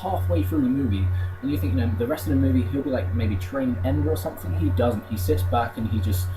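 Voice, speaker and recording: An Englishman with a medium-pitched voice talks fast, giving a rambling, unenthusiastic movie review to camera in a casual, conversational way. The recording is low quality, with music playing behind him.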